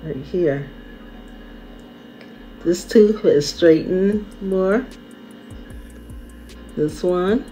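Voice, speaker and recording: A woman's voice: fairly low pitch, drawn-out words, long pauses, dark tone, faint music behind, low-quality recording. A woman in a casual vlog, speaking with a finger on her teeth, chatty and plain-spoken. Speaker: vlogger.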